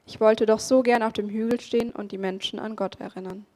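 A plaintive storybook tree, let down and whining over a lost dream, as a woman reader puts him on. The voice is lifted a little higher than her reading voice and pressed forward into a complaint. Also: fairly even intonation, a little fast, darkish tone, close to an everyday voice. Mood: lamenting. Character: disappointed lamenting male tree, once too tall.

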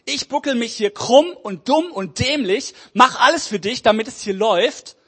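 A man's voice: fairly high pitch, a little fast, husky. A man voicing a resentful, hardworking older brother who rants angrily at his father. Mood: furious ranting. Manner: shouting, ranting.

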